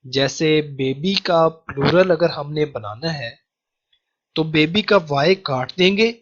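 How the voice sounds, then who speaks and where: A man teaching a grammar lecture with a Pakistani Urdu accent, patiently repeating key rules slowly. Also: on the high side. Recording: dull lo-fi sound.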